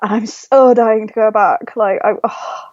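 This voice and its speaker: A twentysomething blogger from Leeds, England, guests on a podcast in a casual interview, her Yorkshire accent carrying gushing enthusiasm peppered with ums and likes. Her voice is a little high, darkish and steady, a bit slow, and the lo-fi remote recording sounds dry and a little dull with no room sound.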